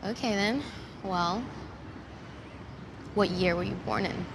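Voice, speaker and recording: An actress in her twenties playing a soft-spoken, socially awkward writer who asks blunt questions. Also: medium pitch, takes it slowly, noisy background. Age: 20s. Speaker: young writer. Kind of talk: film dialogue.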